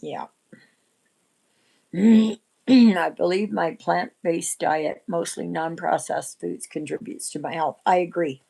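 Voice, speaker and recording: A woman in her sixties hosting a casual livestream chat, rambling and often clearing her throat. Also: on the low side, slow, dark tone, rough recording. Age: 60s. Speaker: livestream host.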